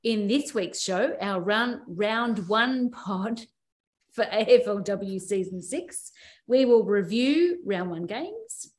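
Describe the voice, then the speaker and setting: A woman with an Australian accent hosting a sports podcast, brisk and steering the talk with questions. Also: mid-range voice, lively intonation, darkish tone. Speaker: podcast host.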